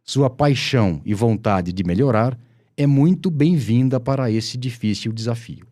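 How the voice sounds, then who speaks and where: A man's voice: medium pitch, animated, measured pace, dark tone. A man with a Brazilian accent reading a letter aloud in a formal, emphatic way. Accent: Brazilian Portuguese.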